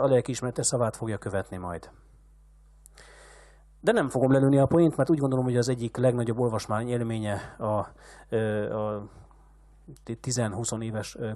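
A man's voice: medium pitch, mellow, no room sound. A man giving a literature lecture, hesitant and full of filler sounds.

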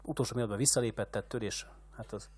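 A man's voice: on the low side, a little mellow, breathy edge, no room sound. A man giving a literature lecture, hesitant and full of filler sounds.

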